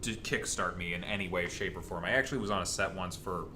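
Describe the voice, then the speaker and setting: A young man with a deep voice co-hosts a gaming channel, answering audience questions casually in a rambling, halting manner. There's background noise.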